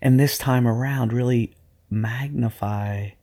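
A middle-aged man leading a guided hypnotic visualization for athletes, speaking in hushed, soothing, repetitive phrases. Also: mid-range voice, steady tone, takes it slowly.

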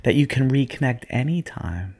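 A middle-aged man leading a guided hypnotic visualization for athletes, speaking in hushed, soothing, repetitive phrases. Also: medium pitch, animated, moderate pace, slightly rough.

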